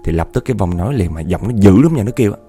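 A man telling a ghost story, animated, repeating words for effect and speaking straight to his listeners. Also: low-pitched, rapid-fire, slightly rough, soft background music. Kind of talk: spoken ghost story narration.

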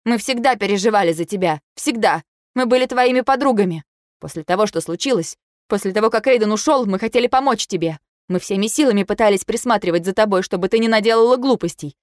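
A woman reading an audiobook, voicing a blunt young woman who speaks forcefully and reproachfully. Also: mid-range voice, fast, dry recording, clean studio sound, pitched above the performer's own voice, lightly acted. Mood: angry, reproachful. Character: young woman, blunt, sharp-tongued friend.

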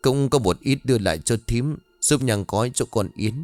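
A man's voice: medium pitch, moderate pace, no echo, soft background music, close to an everyday voice. A man doing a kindly older village woman. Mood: consoling. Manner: gentle, consoling.

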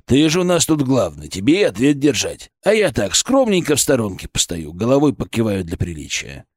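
A man's voice: mid-range voice, huge pitch swings, brisk, no room sound, clean studio sound. A man voicing a sarcastic, nervous, middle-aged male department head who grumbles about his boss. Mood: grumbling sarcastic.

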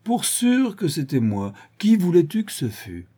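A man's voice: sits high, huge pitch swings, unhurried, warm tone, husky, voice pushed up, full character voice. A man reading aloud and voicing an old male druid impostor who talks in a glib, jeering, unflappable way. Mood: mocking. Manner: jeering, chatty, theatrical.

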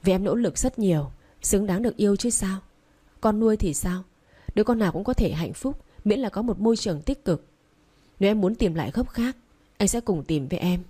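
A tender young husband in a spoken novel, read by a woman. He speaks calmly and reassuringly. The tone is mellow and unforced. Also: medium pitch, brisk, breathy edge.

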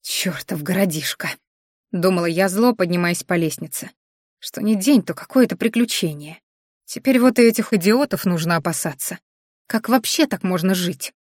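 A woman reading a first-person audiobook, expressive and sardonic. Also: lowish voice, normal speed, no room sound, clean studio sound. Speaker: audiobook narrator.

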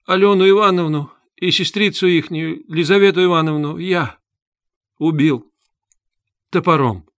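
A man reading the part of a pale young prisoner who confesses in a halting, breathless voice. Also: fairly high pitch, a bit bright, no echo, studio quality, pitched above the performer's own voice. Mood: desperate confession.

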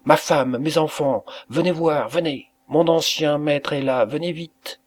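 A man's voice: medium pitch, a little slow, natural voice. A man voicing an emotional, grateful innkeeper who speaks in raised, exclamatory bursts. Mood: overjoyed. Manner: effusive, exclamatory.

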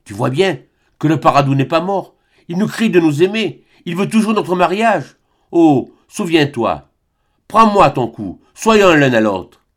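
A man reading an audiobook, voicing a passionate young woman with a high, urgent, straining voice. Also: very animated, a little slow. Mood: tender coaxing. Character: passionate young woman, fierce and pleading lover.

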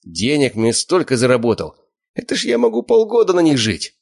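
A man's voice: medium pitch, huge pitch swings, fairly quick, vocal fry, pitched above the performer's own voice, full character voice. A man voicing a naive, greedy young man, eager and gleeful.

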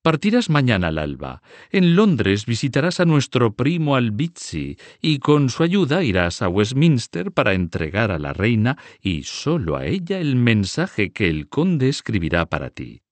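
Man playing a cunning older banker, smooth, persuasive, lively inflection. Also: medium pitch, unhurried, no echo, pitched above the performer's own voice. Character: cunning older Italian male banker, soft-spoken.

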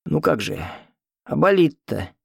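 A man's voice: a little high, very animated, normal speed, vocal fry, dry recording, studio quality, pitched above the performer's own voice. A man voicing a talkative, grumbling old man in a hospital ward, folksy and fussy. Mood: whining. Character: chatty old male hospital patient, grumbling.

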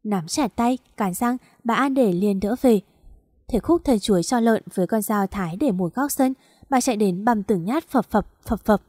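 Một người phụ nữ đọc truyện audio, giọng kể đều và giàu kịch tính. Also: female voice, medium pitch, moderate pace, no echo, studio quality. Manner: steady, dramatic storytelling. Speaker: audiobook narrator. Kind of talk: scripted story narration.

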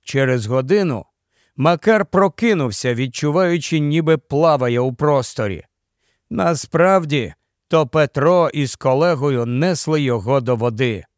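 A man's voice: on the high side, expressive, measured pace, dry recording. Dry, close male audiobook narrator.

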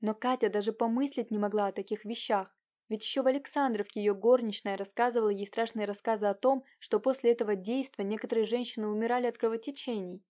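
A woman reading a historical romance audiobook as narrator, in smooth, even storytelling. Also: fairly high pitch, quick pace. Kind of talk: scripted narration.

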